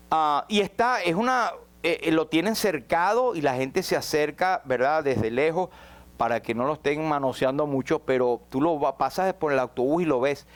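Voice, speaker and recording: A man preaching a sermon as pastor, rising high and dropping to a hush, questioning his congregation directly. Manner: dramatic swings between raised and hushed passages.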